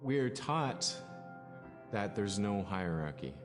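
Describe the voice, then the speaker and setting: Telling his story for a documentary interview, a low-voiced man chooses phrases with care and pauses briefly, his pitch swinging widely. Long reverb surrounds his voice over background music.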